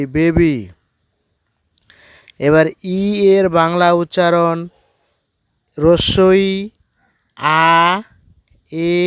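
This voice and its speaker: A man teaching English letter sounds in a slow scripted lesson, spelling each word letter by letter. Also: fairly high pitch, darkish tone, smooth, no echo.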